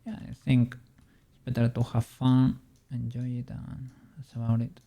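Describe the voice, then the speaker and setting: Slow, gravelly, mellow-voiced streamer muttering. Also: mid-range voice, completely flat delivery. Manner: mutters quietly to self while working. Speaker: 3D modeling streamer. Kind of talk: casual livestream chat while working.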